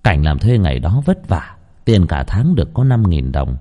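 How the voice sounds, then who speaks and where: A man's voice: sits low, big pitch swings, normal speed, dark tone. A man narrating a first-person horror story in a tense, suspenseful telling.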